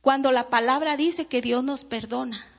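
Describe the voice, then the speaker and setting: A woman's voice: high-pitched, normal speed, creaky, big-room sound. A woman preacher giving a fervent sermon to her congregation, calling them brothers and sisters and acting out the prayers she quotes. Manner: dramatizes quoted prayers and speech.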